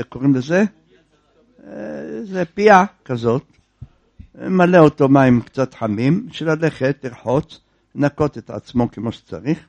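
A man telling a folk tale aloud in a lively way, acting out the characters. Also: medium pitch, lo-fi sound. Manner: lively, acts out characters and breaks into song. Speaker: storyteller. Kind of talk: oral folk storytelling.

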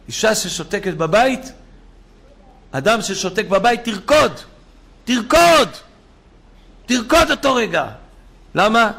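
Male preacher, fiery sermon delivery, high and gravelly, big dynamic swings. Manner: fiery, swings from shouting to hushed storytelling.

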